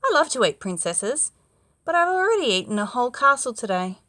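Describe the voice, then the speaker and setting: A woman voicing a boastful, brusque male dragon in a children's storybook, loud and exaggerated. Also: on the high side, very animated, brisk, dry recording, clean studio sound, voice pushed up. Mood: haughty, dismissive. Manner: loud, exaggerated, self-important.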